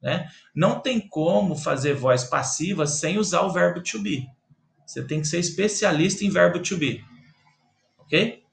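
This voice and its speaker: A man's voice: a little high, expressive, a little slow, vocal fry. A Brazilian man with a Brazilian Portuguese accent teaching English grammar patiently, repeating himself and checking in with the listener often. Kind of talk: slow grammar lesson explaining English to Portuguese speakers.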